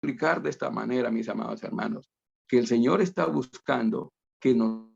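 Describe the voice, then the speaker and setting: A man's voice: medium pitch, moderate pace, gravelly. A man from Honduras preaching a sermon over a video call, emphatic and repetitive, often addressing his listeners as brothers. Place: home, on a virtual meeting. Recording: dull lo-fi video call audio.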